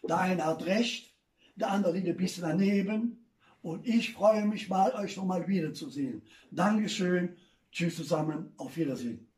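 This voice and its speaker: A high-voiced man with a Rhineland German accent tells carnival jokes at a moderate pace from his living room, his tone a little mellow, chuckling as each punchline lands. A distant mic picks up room echo and slight background noise.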